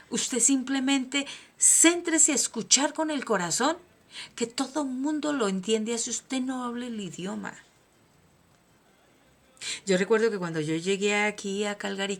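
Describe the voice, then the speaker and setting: An emphatic Colombian woman, her voice on the high side, hosts a personal motivational monologue as a motivational speaker. She preaches, swinging from soft to loud.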